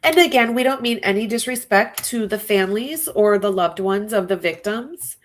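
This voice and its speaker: Musing aloud with a stuffy nose, a woman hosts a true crime livestream, chatting casually with her viewers. Her medium-pitched voice has lively intonation and a normal speed.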